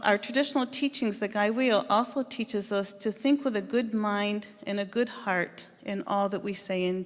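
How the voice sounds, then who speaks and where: A woman in her late fifties from Western New York giving an earnest, measured speech as a board candidate at a convention. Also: mid-range voice. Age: 50s. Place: large convention hall. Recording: long hall reverb.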